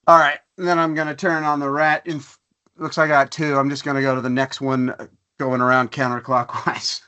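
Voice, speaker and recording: A man's voice: mid-range voice, pushed and bright, clear, resonant tone. A man playing a tabletop game, calling out his attack rolls and damage. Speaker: player.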